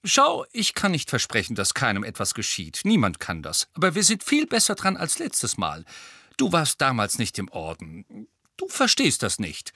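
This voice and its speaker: A man playing a calm wizard who comforts and reassures with gentle firmness. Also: medium pitch, normal speed, dry recording, clean studio sound, exaggerated voice. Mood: firm reassuring. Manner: gentle but resolute, soothing.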